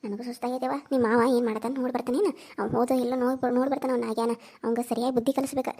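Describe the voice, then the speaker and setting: Fretful aunt. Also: female voice, fairly high pitch, flat delivery, very fast, dark tone, slightly rough. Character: worried middle-aged aunt, scolding, regretful. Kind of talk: cartoon serial voice acting.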